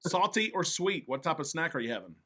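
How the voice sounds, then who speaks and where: A man hosting a casual interview, agreeable and quick to echo short affirmations. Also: a little high, big pitch swings, bright, forceful tone. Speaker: interview host.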